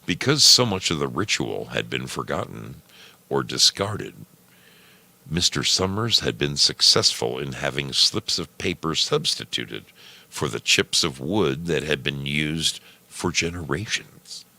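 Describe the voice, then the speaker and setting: A storyteller and program host with an extremely deep voice reads a short story aloud in measured phrases. His tone is gravelly and creaky, and his intonation swings lively as he works deliberately through the prose.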